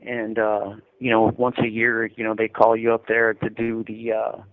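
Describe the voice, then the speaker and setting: An incarcerated American man in his fifties calls from prison for a casual phone interview, explaining things conversationally as he recounts his experiences. His voice is on the low side and monotone at a moderate pace, recorded dry through a prison telephone on a tinny, narrow-band line.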